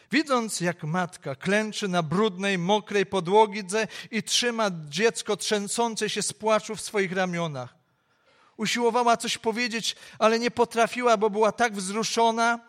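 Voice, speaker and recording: A man preaching at Christmas, telling a story in an expressive, varied way. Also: high-pitched. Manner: expressive storytelling, shifting pace. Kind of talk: Christmas sermon with a told story.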